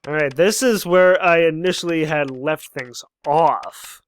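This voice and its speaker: A man's voice: a little high, unhurried, smooth. A young man casually commenting on a game as he plays, musing aloud, reading lines of dialogue and chuckling often. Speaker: let's play host.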